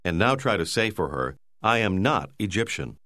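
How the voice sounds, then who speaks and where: A man narrating a language course, giving slow, clear, measured prompts. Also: low-pitched, sing-song, pushed and bright, no room sound, studio quality. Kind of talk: scripted instructional narration.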